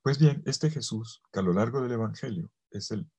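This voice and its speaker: A male priest giving a theology lecture, swinging between loud emphasis and soft, almost whispered phrases, and stretching key words slowly for weight. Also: medium pitch, husky. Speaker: priest teaching a theology course. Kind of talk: theology lecture to a virtual audience.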